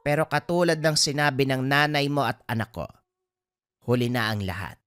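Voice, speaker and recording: A woman's voice: moderate pace, fairly bright tone. A woman voicing a stern old grandmother, a former witch, in a dramatized horror story. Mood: grave, stern. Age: older. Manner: stern, sweeping swings of pitch.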